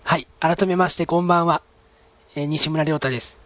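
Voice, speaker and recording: A man with a fairly high voice hosts his solo podcast, polite and chatty with plenty of fillers. The sound is dry and close, with no room around it. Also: steady tone, a little fast, a bit bright, no room sound. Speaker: podcast host. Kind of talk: casual solo podcast, reading a listener letter.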